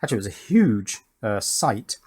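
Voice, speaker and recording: A husky, slightly mellow, lowish voice with a sing-song lilt belongs to a man in his fifties from England, talking at normal speed. He's an electronics hobbyist filming himself at work, rambling casually, faltering and quizzing himself as he thinks aloud.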